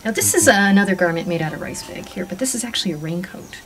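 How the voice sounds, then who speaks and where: A woman's voice: lowish voice, animated, fast talker, fairly bright tone. Middle-aged woman guiding a house tour. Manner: explaining, pointing things out, "if you notice". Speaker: museum docent. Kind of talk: guided demonstration. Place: indoors in an old wooden farmhouse. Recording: distant mic with music behind.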